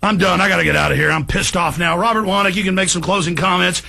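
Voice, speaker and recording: A man hosting a talk show, delivering an indignant, vehement political rant that builds toward yelling. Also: high-pitched, fairly even intonation, fast, creaky.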